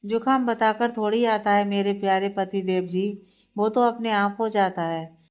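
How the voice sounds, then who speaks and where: A woman's voice: medium pitch, fairly even intonation, moderate pace, lightly acted. A cheeky young woman who never stops teasing her older sister, as a woman storyteller puts her on. She sounds playful and sly, in a mid-range voice. It comes from a read-aloud storybook.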